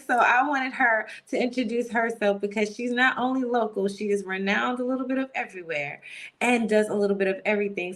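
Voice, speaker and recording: A woman hosts her own podcast, sassy and upbeat, tossing in folksy slang. Her voice sits high and rings bright and forceful. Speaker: podcast host. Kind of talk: lively podcast interview.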